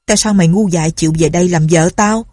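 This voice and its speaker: A bitter, drunk young man rants in a low, husky, mellow voice, as a woman narrator puts him on. He sounds harsh and grief-stricken, recorded close and dry. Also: normal speed, no echo. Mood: scornful. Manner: slurred drunken ranting.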